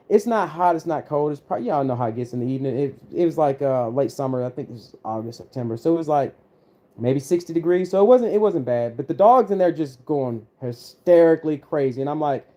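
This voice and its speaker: Brief: male livestream host, higher voice, mellow tone, spins a creepy outdoors tale with acted-out voices. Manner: animated, acts out quoted voices. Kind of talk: casual storytelling on a livestream.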